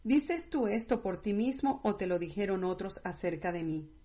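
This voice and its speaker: A woman reading the lines of a calm, grave male prophet in her own measured voice, on dull lo-fi audio. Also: mid-range voice, natural voice. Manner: read plainly in the narrator's own measured voice.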